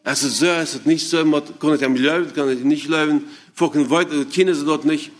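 Halting man asking his audience questions. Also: a little high, fairly even intonation, faint music behind. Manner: halting, searching for words, asks the audience questions. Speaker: speaker addressing parents. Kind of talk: informal talk to an audience.

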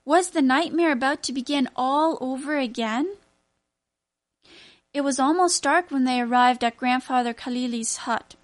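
A woman narrating a children's story aloud in a clear, even reading manner. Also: sits high, normal speed.

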